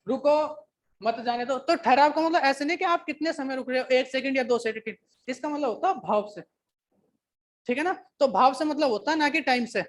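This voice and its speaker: Guy teacher w a high voice, lecturing a class, says things twice n keeps asking if everyone's got it. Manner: dictates slowly, repeating phrases, constantly checking in with students. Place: coaching classroom.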